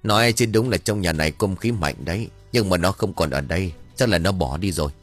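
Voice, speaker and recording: A man's voice: low voice, brisk, faint music behind. A man voicing a grumpy, crude old village exorcist who curses and grumbles. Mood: teasing. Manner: gruff, cursing, bossy.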